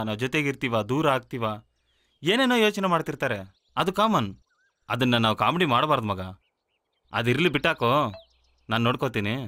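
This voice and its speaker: Film role: earnest young man in love, bright tone. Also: medium pitch, dry recording, studio quality. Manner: earnest, reassuring. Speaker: lead character. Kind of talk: film acting.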